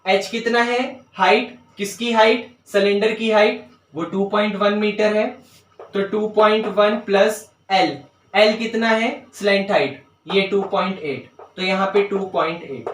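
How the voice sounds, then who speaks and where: Man, maths teacher, step-by-step explanation, slow dictation of terms, echoey room, distant mic. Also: high-pitched, steady tone, a bit bright. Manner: explains step by step, often checks understanding; dictates English terms slowly while writing. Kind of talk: board-work maths lesson. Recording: roomy sound, voice away from mic.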